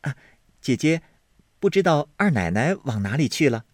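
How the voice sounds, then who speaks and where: A man voicing a quick, clever young maidservant, eager and deferential in a storybook reading. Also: medium pitch, sing-song, no echo, clean studio sound, pitched above the performer's own voice.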